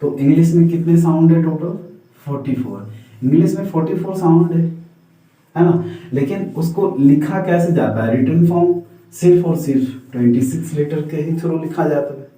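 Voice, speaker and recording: A man's voice: fairly high pitch, moderate pace, dark tone. A man teaching a basic grammar lesson in Hindi, asking his class a question and then answering it himself, checking over and over that they follow. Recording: echoey room, voice from a distance.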